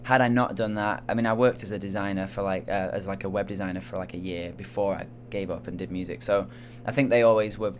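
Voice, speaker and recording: This young English soul singer, carrying a Manchester accent, has a deep voice with fairly even intonation and speaks quickly with few pauses. Talking casually in an interview, he sounds soft-spoken and hesitant, using plenty of fillers, with slight background noise.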